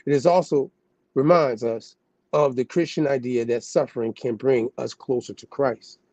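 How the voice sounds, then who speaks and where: A man's voice: medium pitch, fairly even intonation, moderate pace, dark tone, no echo, muffled recording. A man hosting a podcast who switches between casual slangy talk and reading passages aloud, often turning to a listener he calls God. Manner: loose slangy asides, calling the listener "God".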